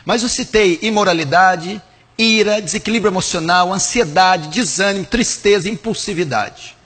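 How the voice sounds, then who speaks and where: A man preaching as a pastor, speaking bluntly and working through his points in order. His voice sits a little high and has a husky, grainy edge. It carries a long, trailing reverb. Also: normal speed, a bit bright, faint music behind. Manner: frank, direct, lists points one by one. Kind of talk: teaching sermon answering a question.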